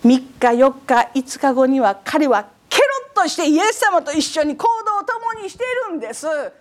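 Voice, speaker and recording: A woman preacher giving a sermon in an animated way, often asking the audience questions. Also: sits high, moderate pace.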